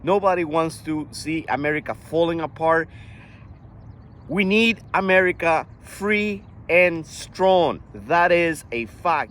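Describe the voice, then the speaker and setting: An older man from Costa Rica talking earnestly in a casual monologue, often halting and restarting his sentences. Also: a little high, a bit bright, a little hiss or hum. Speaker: vlogger.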